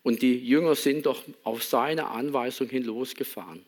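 A man's voice: mid-range voice, moderate pace. A man giving a sermon in a reflective manner, asking many rhetorical questions and reading a Bible passage. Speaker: pastor.

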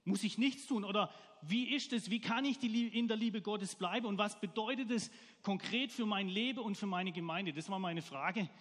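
A man delivers a sermon, telling a homely story and asking his listeners questions. His voice sits high for a man. A long reverb trails behind him in a church hall. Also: normal speed, fairly bright tone. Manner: storytelling, asks the congregation questions. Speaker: preacher.

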